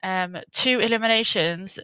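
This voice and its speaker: Bright-voiced woman casting esports, lo-fi. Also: mid-range voice, a little slow, clean tone, no echo. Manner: excitable play-by-play, filler-heavy analysis. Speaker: esports caster. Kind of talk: live esports commentary. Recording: dry, dull lo-fi mic.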